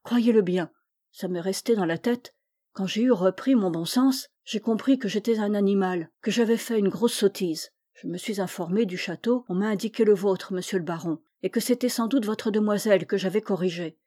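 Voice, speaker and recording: A woman's voice: medium pitch, moderate pace, mellow, no echo, studio quality, lightly acted. A woman reading as a humble pleading vagrant man. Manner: pleading, deferential, earnest. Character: humble apologetic male vagrant, older.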